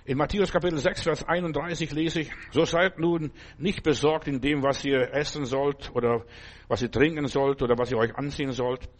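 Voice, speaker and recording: A man preaching a sermon in German, animated, addressing listeners directly and breaking into sudden emphatic bursts. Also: a little high, moderate pace. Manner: addresses listeners directly, often asks "verstehst du".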